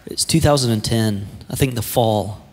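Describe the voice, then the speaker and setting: Relaxed chatty pastor, hall reverb. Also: male voice, lowish voice, normal speed. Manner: relaxed, chatty storytelling with laughs. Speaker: executive pastor. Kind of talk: casual church interview. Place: church stage set with armchairs. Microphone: handheld mic. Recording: long reverb of a large hall.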